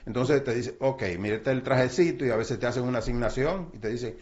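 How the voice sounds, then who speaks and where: An older man talks through personal finance like he's telling stories, slipping into little acted-out quotes and pausing on fillers. His voice sits at a middle pitch. The recording is dull and lo-fi. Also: darkish tone. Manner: storytelling, acts out quotes, frequent fillers. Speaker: guest speaker on finance. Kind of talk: casual explanatory talk. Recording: dull lo-fi sound.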